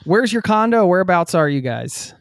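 A man's voice: sits high, very animated, normal speed, smooth, dry recording, studio quality. A man hosting a travel podcast, chatting casually with his guest in a friendly, joking way. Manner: friendly, joking, easygoing banter. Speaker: podcast host. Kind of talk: casual conversational interview.

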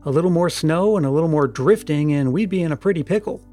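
A man voicing a hoarse male ruffian, an accomplice in a kidnapping, in a storybook reading. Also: on the high side, quick pace, warm tone, soft background music, lightly acted. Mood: chatty.

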